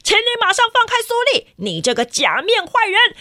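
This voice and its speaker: A woman voicing a bold red whistle superhero from a children's storybook, who shouts commands. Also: very high voice, wildly swooping pitch, a little fast, voice pushed up, full character voice. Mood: commanding.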